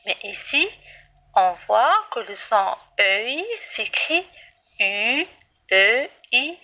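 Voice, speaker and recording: A woman's voice: a little high, very animated, extremely slow, bright, forceful tone. A woman teaching a primary school reading lesson, spelling out letters one by one and praising the children often in a patient, encouraging way.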